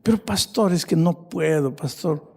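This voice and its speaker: A pastor doing a begging drunk man, gravelly, higher-pitched voice, long hall reverb. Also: a little slow, darkish tone, exaggerated voice. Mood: ashamed pleading. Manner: pleading, slurred and tearful. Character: drunken weeping man pleading with his pastor.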